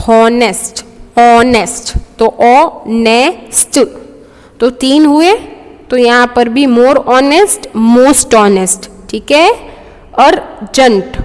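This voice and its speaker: A high-voiced woman teacher talks through a grammar lesson very slowly, spelling things out step by step in Hindi and English. She keeps stopping to ask "okay?" to check that the class follows. Her voice rings with a long reverb, as if in a hard-walled classroom. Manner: explains step by step, checks understanding with frequent "okay?".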